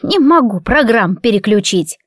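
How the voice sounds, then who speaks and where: A creaky, loud old woman of ninety, put on by a woman reader in an audiobook. She speaks high and slow, drawing out her grumbles. The recording is dry and close. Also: very animated, no echo. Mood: grumbling. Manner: drawn-out, scolding. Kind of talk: audiobook character voice.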